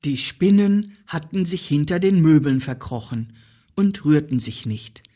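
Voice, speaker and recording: Breathy, slow-reading woman storyteller. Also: low voice, animated, mellow. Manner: slow, playful, with dramatic pauses. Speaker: audiobook narrator. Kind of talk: expressive children's story narration.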